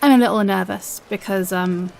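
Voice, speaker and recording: A woman playing a shy, nervous young woman in an audio role-play, speaking haltingly and putting herself down as she confesses a crush. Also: medium pitch, gravelly, lightly acted. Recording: faint background noise.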